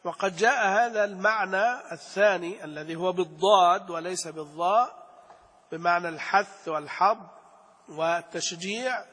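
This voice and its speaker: Male tajweed teacher, slow and repetitive, chants verses; breathy voice in a reverberant hall. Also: high-pitched, a bit bright. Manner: slow, repeats key phrases, chants verses. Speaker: Quran recitation teacher. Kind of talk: religious lesson on tajweed.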